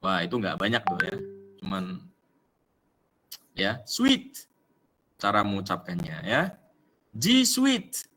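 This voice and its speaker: Over music, a man with an Indonesian accent teaches an English class online, speaking slowly in a low, sing-song voice with long pauses. He mixes English words into his explanations and uses many fillers.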